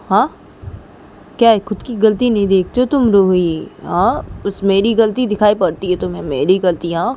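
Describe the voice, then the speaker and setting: A young woman lover who keeps pressing her partner with questions and tag words, voiced by a woman telling the story. Her tone is mellow and rounded, at an everyday middle pitch. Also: a little hiss or hum, lightly acted. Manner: keeps asking "haan?" insistently. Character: young woman lover, pleading then quarrelsome.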